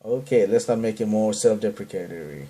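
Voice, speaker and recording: A podcast host from Bangladesh, speaking with a Bangladeshi accent in a lowish, dark voice, moves briskly through a rambling monologue. He's self-deprecating and keeps trailing off before restarting.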